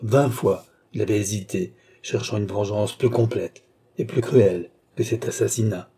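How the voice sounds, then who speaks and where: A man reading a classic adventure novel aloud in a measured, steady narration. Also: lowish voice, husky. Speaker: audiobook narrator.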